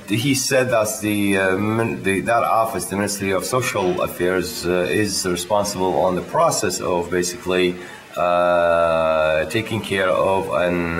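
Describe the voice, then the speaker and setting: A man from Iraq, talking in a casual video diary, halting and full of filler sounds. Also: low-pitched, fairly bright tone. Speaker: vlogger.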